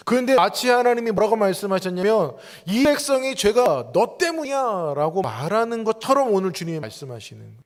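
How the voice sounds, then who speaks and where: Male pastor with a high voice delivering a sermon in a church sanctuary that rings with reverb; he keeps questioning the congregation. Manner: asks the congregation many rhetorical questions. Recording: long church hall reverb.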